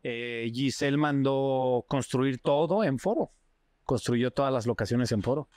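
Mexican guy, actor guest, tells stories all slangy and animated, really dry close sound. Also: mid-range voice, measured pace, no echo. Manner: animated, slangy, acts out other people's cries. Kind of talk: casual storytelling chat.

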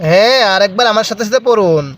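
High-voiced man teaching Quran reading. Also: fairly bright tone. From Bangladesh. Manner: spells out letters and drawn-out vowels slowly, has learners repeat. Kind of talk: step-by-step recitation lesson.

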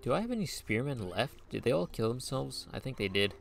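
A man chatting through a strategy game for his channel, with a gravelly, fry-laden edge to his mid-pitched voice. He jokes and reasons out loud in a relaxed, playful way. Soft music runs faintly behind him. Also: fairly quick. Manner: playful, jokey, thinks aloud. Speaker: gaming channel host. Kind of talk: casual gameplay commentary.

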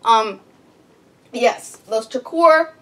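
A woman's voice: on the high side, drawn-out words, bright, forceful tone. Chatty woman vlogging at home. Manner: chatty, rambling, many ums. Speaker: homestead vlogger. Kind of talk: casual chat to camera. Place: small home sitting room.

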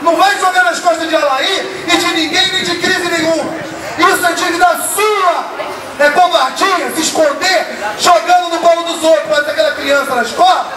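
At an outdoor street protest in front of city hall, a young man shouts an accusatory rally speech into a handheld microphone in a very high, strained voice. It booms through a loudspeaker and echoes around the open street, picked up from a distance over crowd chatter and traffic noise.

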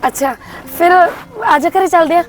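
A woman acting as a grieving young widowed sister, soft, pleading and tearful, in a short film drama. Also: extremely high pitch, normal speed. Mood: cheerful. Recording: echoey room with long reverb.

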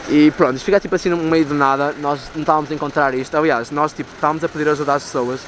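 A young man in his twenties with a European Portuguese accent talks very fast in a fairly high, slightly bright voice with fairly even intonation. Vlogging his city tour casually on a camera held at arm's length, he rambles full of fillers through streets, a stone cathedral and a big store, city street noise behind.

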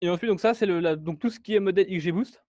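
High voiced guy giving a tech talk, lots of ums and restarts, dry sound. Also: rapid-fire, warm tone, no echo. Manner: hesitant, many fillers and restarts. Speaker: meetup speaker. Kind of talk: technical presentation walking through code. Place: meetup room.

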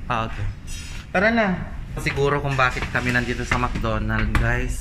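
A man's voice: medium pitch, animated, fairly quick. A man from the Philippines, vlogging casually through a face mask, chatting to his viewers and laughing between phrases. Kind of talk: casual vlog narration to viewers. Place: inside a busy fast-food restaurant. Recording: echoey room with loud background noise.

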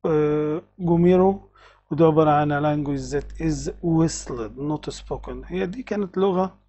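A man with an Egyptian Arabic accent teaching English vocabulary, reading English words slowly and explaining them quickly. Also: a little high, mellow.

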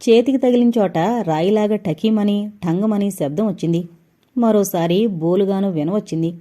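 A woman narrating a suspense novel as an audiobook reader, in steady storytelling. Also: mid-range voice, moderate pace.

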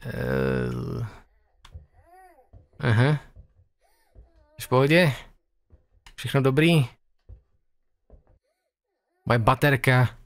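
A young man talks his way through a horror game, muttering to himself in a nervous, joking way. His voice sits at a medium pitch. The sound is dry and close to the mic. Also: gravelly, no room sound. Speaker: gamer playing a horror game. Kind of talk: nervous let's-play commentary.

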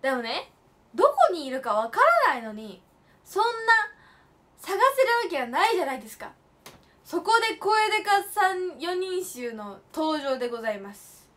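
A young woman with a high, light voice chats with her stream viewers. She tells her stories playfully and leans hard on her punchlines. She slips easily between polite phrasing and casual slang. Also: sing-song, normal speed. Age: late teens. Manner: chatty storytelling with playful emphatic asides. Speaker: idol livestream host. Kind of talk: casual livestream chat.

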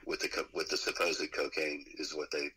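A man's voice: extremely low pitch, flat delivery, fairly quick, crowd noise, rough recording. A middle-aged male musician telling a rambling, profane road story in a casual interview, laughing often. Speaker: musician guest.

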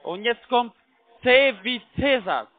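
Speaking slowly with lively intonation, a high-pitched man on a tinny narrowband phone line gives step-by-step instructions in foreign-accented German, which isn't his first language. He's a call center agent posing as IT support who repeats himself and keeps checking in with tag questions.

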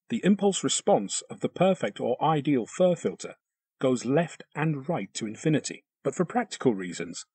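A man reads scripted narration for a software tutorial, his slightly husky voice lively and varied in pitch as he explains each step precisely. The recording is close and very dry, with no echo.

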